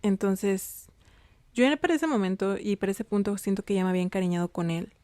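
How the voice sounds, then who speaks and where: A woman's voice: mid-range voice, lively intonation, a little fast, a little mellow, no room sound. A young adult woman, telling her own story to viewers in a casual, confiding way and often checking in with them. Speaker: vlogger.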